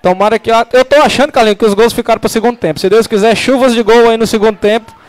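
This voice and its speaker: A man's voice: very high voice, steady tone, quick pace. A man giving chatty opinions as a pundit in radio football commentary.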